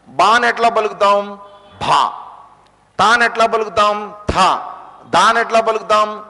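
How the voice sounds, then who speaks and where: A man's voice: high voice, sharp tone. A man giving a spiritual discourse on scripture. He explains pronunciation and asks the audience rhetorical questions. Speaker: Gita discourse teacher. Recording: long hall reverb.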